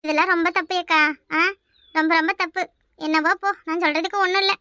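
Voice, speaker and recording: A peacemaking young village woman, as a woman voices her for a cartoon, speaking Kanyakumari Tamil. She sounds very high and bright, and talks quickly. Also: fairly even intonation, no room sound. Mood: placating. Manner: soothing, placating. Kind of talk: cartoon voice acting.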